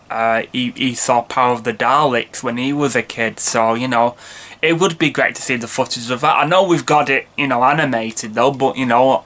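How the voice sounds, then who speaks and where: A man's voice: mid-range voice, a bit bright. A man of twenty-one talks in a casual fan vlog, rambling and earnest, with lots of "you know" and restarts. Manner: earnest, heartfelt fan enthusiasm. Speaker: vlogger, channel host.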